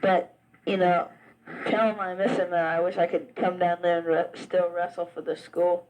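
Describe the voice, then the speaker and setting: A teenage high school wrestler from Virginia, Southern accent and all, records a casual spoken letter to a friend back home, as if chatting into a tape recorder. His high-sitting voice has little pitch movement at a moderate pace, and the audio is dull. He rambles chattily from thought to thought, full of "uh" and false starts.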